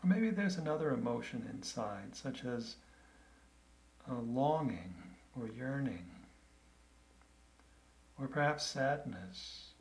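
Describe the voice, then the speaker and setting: A man leading a guided meditation in a calm, gentle, unhurried way, with long pauses between phrases. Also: mid-range voice.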